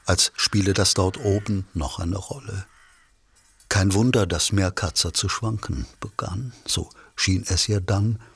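A man acting as a grave, reflective narrator of a literary radio drama, with a husky, gravelly voice. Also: sits low, a bit bright, full character voice.

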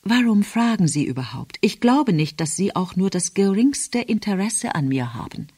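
A woman's voice: medium pitch, very animated, moderate pace, dark tone, breathy edge, dry recording, pitched above the performer's own voice. A woman doing a cool, guarded young bride.

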